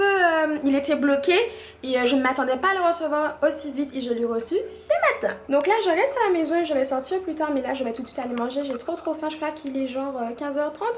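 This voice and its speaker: A woman's voice: sits high, a little hiss or hum. A young woman vlogging casually from home, chatty, with many fillers and restarts. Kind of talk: casual vlog chat. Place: at home indoors.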